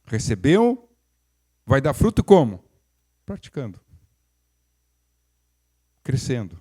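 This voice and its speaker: A man's voice: mid-range voice, wildly swooping pitch, slow, mellow, husky. An older male pastor, preaching in a folksy, conversational way with humorous asides and frequent restarts. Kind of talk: sermon.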